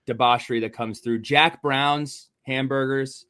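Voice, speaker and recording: A man's voice: medium pitch, fairly even intonation, a little slow, bright, forceful tone, clean tone. A man from New Jersey hosting a sports podcast, chatting casually with rambling, teasing rivalry jokes. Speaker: podcast host.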